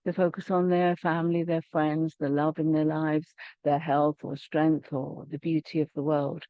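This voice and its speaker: A woman guides a meditation and then teaches on gratitude, gentle and unhurried, often restarting mid-phrase. Her voice comes over a video call that sounds dry and a little muffled, with no room around it. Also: low voice, level tone, no echo.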